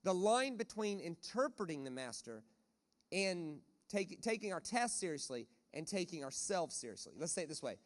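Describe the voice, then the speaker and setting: High-voiced man preaching to a conference. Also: moderate pace. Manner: animated, acts out voices of panicked people and God. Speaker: guest preacher. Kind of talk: conference sermon. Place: church auditorium.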